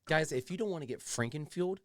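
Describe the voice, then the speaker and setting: A man's voice: fairly high pitch, expressive, fast, no echo. A man hosting a casual podcast, rambling along in slangy, profane chat. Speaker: podcast host.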